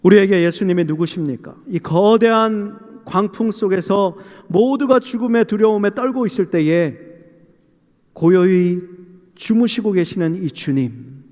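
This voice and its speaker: High-voiced pastor preaching in a reverberant church. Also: male voice, a little slow. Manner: poses rhetorical questions to the congregation; dramatizes Bible quotes in lively voices. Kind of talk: sermon. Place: church sanctuary. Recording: long reverb of a church hall.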